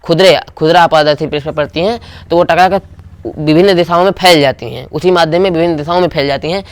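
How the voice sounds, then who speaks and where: Man, physics teacher, classroom lecture, quizzes students, smooth clear voice, fairly high. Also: fast. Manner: call-and-response questioning.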